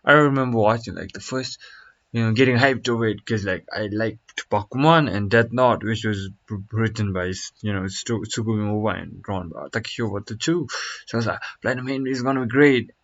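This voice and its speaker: A man's voice: lowish voice, fairly quick, a bit bright. A young man streaming, chatting casually and reacting to a video in a rambling, slangy way full of fillers. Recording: dull lo-fi mic.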